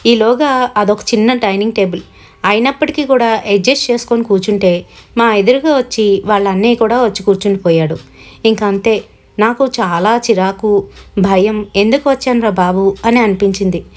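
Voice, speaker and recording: A woman's voice: mid-range voice, moderate pace. A woman telling a first-person horror story in a conversational way, recounting events and dialogue.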